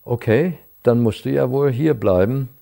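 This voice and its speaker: An older man briefly voicing a gruff American army major who has just been woken, incredulous and irritated. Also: medium pitch, moderate pace, mellow, natural voice. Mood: grudging.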